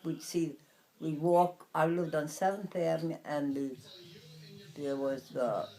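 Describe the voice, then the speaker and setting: An elderly woman in her nineties from Brooklyn, reminiscing in a casual interview, haltingly, searching for words and repeating phrases. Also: deep voice, steady tone, mellow. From Brooklyn, New York. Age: 90s. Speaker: interviewee recalling the past.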